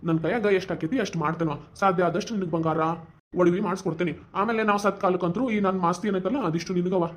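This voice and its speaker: A voice actor playing a soft-hearted older village father in a family cartoon, speaking North Karnataka Kannada in a rapid, affectionate, reassuring way. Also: medium pitch, fairly even intonation, natural voice. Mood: explaining, caring.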